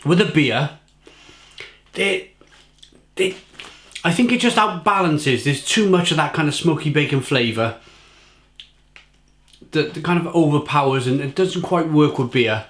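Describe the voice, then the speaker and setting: A man giving a casual, rambling snack review, munching crisps between phrases and repeating himself for mock-dramatic emphasis. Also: a little high, moderate pace. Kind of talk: casual food tasting review to camera. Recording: echoey room, faint noise, packet crinkling. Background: crisp packet crinkling and crunching.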